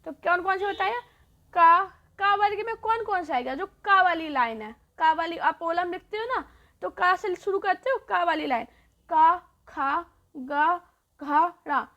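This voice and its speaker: A woman teacher giving a grammar lesson who asks questions and answers them herself, repeats each point and draws out the sounds slowly. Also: very high voice, expressive, pushed and bright, lo-fi sound.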